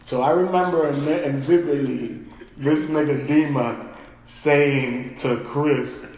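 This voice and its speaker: Excited man, slangy casual chat, somewhat high voice, echoey room. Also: slow, a little hiss or hum. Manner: excited, interjecting, slangy, switches into Spanish. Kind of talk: casual chat among friends.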